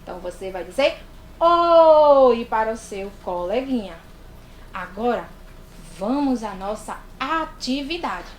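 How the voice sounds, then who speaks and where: A Brazilian woman teaching young children to read in an online class, talking slowly and in an exaggerated, sing-song way. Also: a little high, animated. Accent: Brazilian Portuguese. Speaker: primary school teacher. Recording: echoey room.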